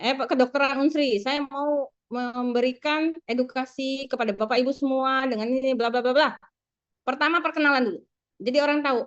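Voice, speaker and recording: A woman's voice: on the high side, fairly bright tone. A woman giving a classroom lecture to students, with rising and falling intonation, speaking to them directly. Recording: dull lo-fi.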